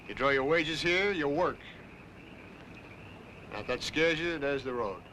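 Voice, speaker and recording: An actor playing a blunt, commanding middle-aged date farmer in a 1960s TV drama. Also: male voice, a little high, animated, measured pace, pushed and bright, a little hiss or hum, poor audio. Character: gruff middle-aged male date farmer, bossy, possessive. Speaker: ranch owner.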